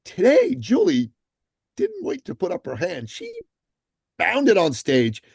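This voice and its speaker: A man guest on a podcast, telling a story in a casual, animated way and acting out the quotes, with many ums and you-knows. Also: high voice, takes it slowly, gravelly, husky, dry recording, clean studio sound. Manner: frequent fillers like um and you know.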